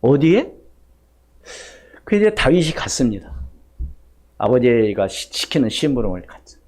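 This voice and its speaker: A man's voice: mid-range voice, sing-song, measured pace, darkish tone. A male pastor preaching a sermon in a church, firing rhetorical questions at the congregation and acting out what people say. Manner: acts out quoted speech in shifting voices. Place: church sanctuary.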